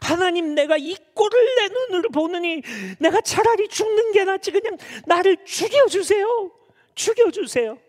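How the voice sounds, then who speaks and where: A man putting on a shrill, furious sulking prophet. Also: animated, moderate pace. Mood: despairing. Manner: whiny, shouting complaints. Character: indignant male prophet sulking at God. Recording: long church reverb.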